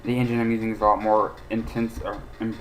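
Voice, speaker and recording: A man's voice: fairly low pitch, little pitch movement, quick pace, faint music behind, poor audio. Rambling man doing game commentary. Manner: rambling, opinionated, frequent hesitations. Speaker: let's play host.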